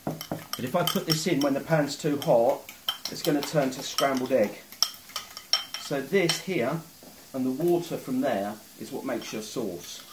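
A middle-aged home cook talks through a cooking demonstration step by step in his own kitchen, shot on a phone camera from across the room. His mid-range voice keeps a measured pace over a noisy background. The distant, roomy kitchen sound carries a sizzling pan and boiling water.

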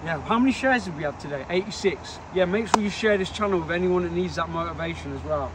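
A man's voice: high-pitched, fast talker. A young man, chilled from cold river water, chatting casually to live-stream viewers and rallying them as a fitness host. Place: outdoors, in and beside a park river. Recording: noisy outdoor recording.

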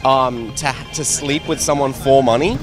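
A young man hosting a casual street interview with a handheld mic, upbeat and teasing, firing quick follow-up questions on a busy city street. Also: mid-range voice, music in the background.

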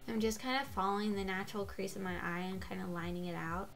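A woman's voice: mid-range voice, fairly even intonation, fast, gravelly, faint music behind. Congested woman gushing over makeup. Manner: gushing, chatty, lots of "like". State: congested from a cold; gets out of breath. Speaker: beauty vlogger. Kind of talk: casual makeup tutorial.

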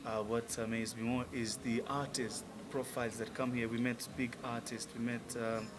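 A man's voice: mid-range voice, flat delivery, moderate pace, background noise. Upbeat male musician in a lounge. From Tanzania. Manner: upbeat, enthusiastic, many fillers. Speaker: musician guest. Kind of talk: casual interview. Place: restaurant lounge, indoors. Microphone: table mic on stand.

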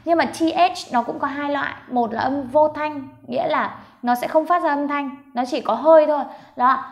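A woman with a high-pitched voice leads a pronunciation lesson. She works through each word sound by sound, patiently modelling how to say it. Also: creaky. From Vietnam. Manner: patient, spells sounds slowly, models words. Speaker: English pronunciation teacher.

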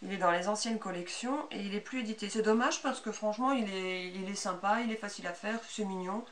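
Speaking briskly in a mid-range voice, a Belgian French woman in her thirties presents handmade garments in a chatty, unscripted sewing vlog. She's in a small, bright indoor sewing room. A camera about two metres off records her, capturing background noise.

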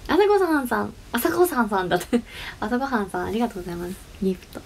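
A young woman with a fairly high voice and a chats casually into her phone on a livestream. She giggles often and thanks viewers as she reads their comments aloud. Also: big pitch swings, very fast, creaky, a little hiss or hum. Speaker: idol livestream host.

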